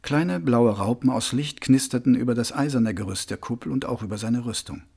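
A man reading a novel aloud as an audiobook, with dramatic, expressive storytelling. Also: mid-range voice, fairly quick, creaky, husky. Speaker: audiobook narrator. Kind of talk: scripted audiobook narration.

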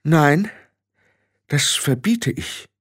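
A fussy, anxious old witch, put on by a man reading an audiobook, frets and scolds. Her voice sits well above a man's usual pitch. The recording is dry and close. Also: very animated, unhurried, no room sound. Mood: firm. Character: elderly fussy witch woman, anxious and proper. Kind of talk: audiobook character voice.

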